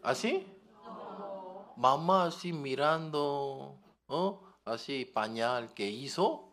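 A man preaching a sermon, often asking the congregation questions and telling lively everyday stories. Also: mid-range voice, takes it slowly. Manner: questioning the audience, animated storytelling.

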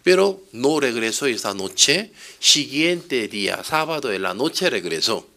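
A man's voice: mid-range voice, very animated, a little slow, pushed and bright. A man preaching a sermon, telling stories emphatically and asking rhetorical questions.

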